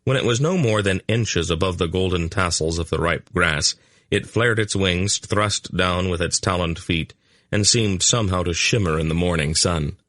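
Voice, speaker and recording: A man narrating a fantasy audiobook in a measured, steady storytelling manner on a close mic. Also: sits low, dry recording.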